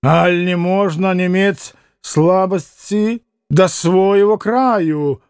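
A man doing a booming proud gentleman. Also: extremely slow, smooth, dry recording, clean studio sound, heavily acted. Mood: indignant. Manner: booming, declaiming.

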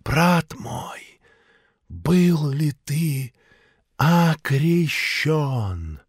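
A man voicing a fervent old street preacher woman in an audiobook, loud and drawn-out in a preaching manner. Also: fairly high pitch, expressive, husky, no echo, studio quality, exaggerated voice. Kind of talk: audiobook reading.

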